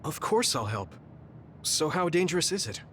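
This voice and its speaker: In game cutscene dialogue with music behind it, a man voices an earnest, loyal young soldier who speaks sincerely and reassuringly. His voice is on the high side and a bit bright, swinging widely in pitch at a moderate pace, with a little hiss or hum.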